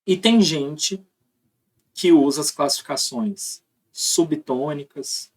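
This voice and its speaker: A man's voice: on the high side, slow, husky. A young man teaching a recorded class. He explains step by step and keeps checking that students follow him.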